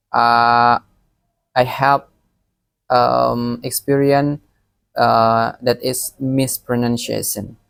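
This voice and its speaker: Young guy with a palembang indonesian accent, slow and halting, keeps repeating himself, dry close sound. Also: medium pitch, vocal fry, dry recording. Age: young adult. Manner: halting, repeats words often. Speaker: education student. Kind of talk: recorded exam presentation.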